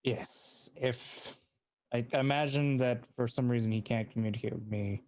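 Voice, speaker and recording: A man playing a ship captain in a tabletop game, speaking casually in character with a measured, dry manner. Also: mid-range voice, steady tone, a little mellow.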